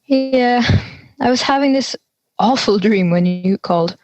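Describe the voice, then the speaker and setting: In lightly acted audio drama dialogue, a young woman plays an anxious teenage schoolgirl dreading a class presentation, sounding worried, sheepish and exasperated in a conversational way. Her voice is on the high side with a darkish tone and a measured pace. The recording is lo-fi, with no room sound.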